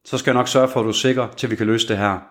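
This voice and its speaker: A man's voice: mid-range voice, fairly even intonation, natural voice. A man as a blunt, protective workshop boss. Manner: blunt, firm. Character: loyal, protective middle-aged male workshop boss.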